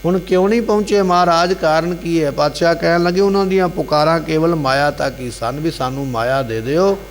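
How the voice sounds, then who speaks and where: Male preacher, somewhat high voice, explains scripture in short repeating phrases, long hall echo, faint hum. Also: brisk. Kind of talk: devotional scripture exposition. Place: gurdwara hall.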